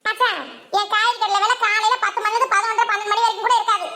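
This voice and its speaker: A woman's voice: very high voice, level tone, rapid-fire, pushed and bright. A woman voicing a chatty, teasing village girl in a cartoon, often laughing as she talks. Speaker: cartoon voice artist doing several village characters.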